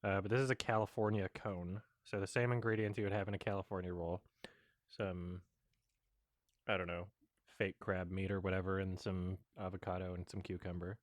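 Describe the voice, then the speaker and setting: Low-voiced man rambling casually, close and dry. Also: little pitch movement, fast talker, no echo. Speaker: mukbang host. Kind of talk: casual eating vlog chat.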